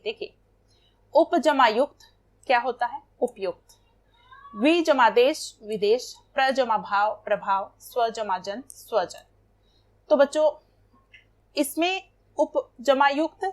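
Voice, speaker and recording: Patient woman teaching Hindi to children. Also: on the high side. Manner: patient, repeats and spells out examples for children. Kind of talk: classroom lesson explaining exercises.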